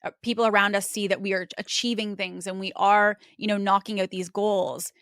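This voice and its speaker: A woman's voice: medium pitch, little pitch movement, a little fast, a bit bright, dry recording, studio quality. A woman hosting a podcast, speaking in an earnest, reflective monologue with a casual conversational flow. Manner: earnest, conversational, with frequent "like" and "you know". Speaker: podcast host.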